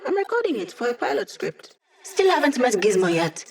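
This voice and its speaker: A woman's voice: a little high, sing-song, fairly quick, creaky, darkish tone, roomy sound, recorded from a distance. A woman voicing a cocky, playful young female hacker in a video game, with a wry, teasing, self-assured delivery. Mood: wry, businesslike. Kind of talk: video game character voice lines.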